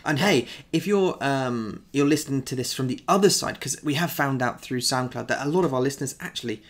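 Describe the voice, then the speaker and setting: A man co-hosting a casual language-learning chat, talking quickly with lots of fillers and restarts. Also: medium pitch. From United Kingdom. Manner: fast talker with many restarts and fillers. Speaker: podcast co-host.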